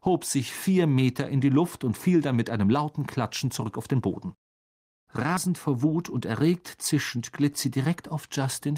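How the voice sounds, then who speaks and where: A man narrating a children's fantasy novel in a measured, expressive reading voice. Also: mid-range voice. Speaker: audiobook narrator. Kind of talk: storybook narration.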